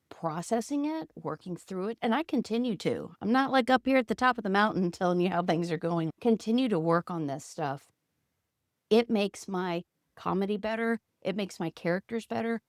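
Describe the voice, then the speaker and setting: A woman's voice: medium pitch, dry recording, clean studio sound. A woman guest, an actor and coach, talking reflectively and expressively in an interview. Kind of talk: conversational interview.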